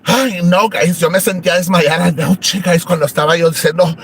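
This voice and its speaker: A man's voice: high voice, fairly even intonation, moderate pace, a bit bright, a little hiss or hum. A man with a Mexican accent doing a crude comedic rant in a brash female persona, mixing English words into his Spanish and constantly calling out to "guys".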